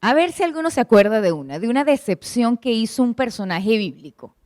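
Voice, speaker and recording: Higher-voiced woman preaching. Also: very animated, a little fast, darkish tone, no room sound, studio quality. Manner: asks the congregation questions and retells stories expressively. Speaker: church speaker at a prayer meeting. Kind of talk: preaching to a congregation.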